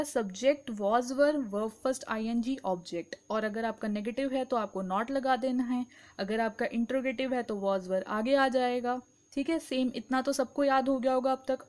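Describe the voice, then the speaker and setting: Woman English teacher, high voice, patient step-by-step explainer, peppers her lesson with check-ins. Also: a little mellow. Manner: explains step by step, keeps asking "ठीक है". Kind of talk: exam-prep grammar lesson.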